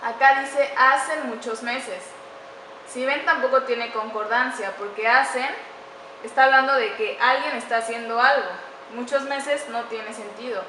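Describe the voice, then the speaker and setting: Woman student presenter, bright and fairly high voice, careful explanatory delivery, recorded in a roomy space. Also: steady tone. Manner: careful, slows down to spell out example sentences. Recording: echoey room with faint background noise.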